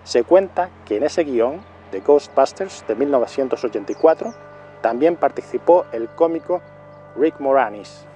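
A middle-aged man giving a film review as a monologue, speaking deliberately and repeating titles and years for emphasis. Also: mid-range voice, lively intonation, warm tone, faint music behind.

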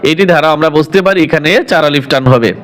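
A man teaching Quran reading, spelling out letters and vowel marks, then slowly drawing out each whole word. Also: fairly high pitch. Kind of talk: spelling-out recitation lesson.

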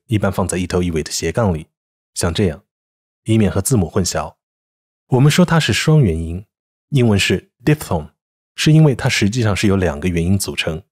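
A man teaching English pronunciation in a clear, measured scripted lesson, reading example words slowly. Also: low voice, a little mellow.

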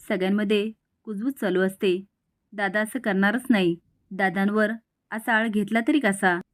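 A woman's voice: mid-range voice, no room sound, studio quality. A woman narrating a recap of a serial episode, reading out the characters' lines as she goes. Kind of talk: storytelling recap with quoted dialogue.

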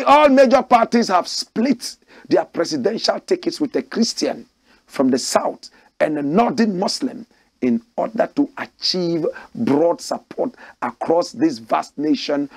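A man's voice: high-pitched, creaky, no room sound. A man hosting a political commentary show, reading a news report aloud and breaking in with emphatic, preachy asides and rhetorical questions.

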